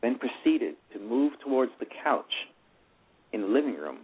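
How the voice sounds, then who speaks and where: A medium-pitched man with a breathy edge narrates a live radio play, his pitch swinging widely at a moderate pace. He keeps tripping over words and restarting them, and the broadcast has a tinny phone-line quality.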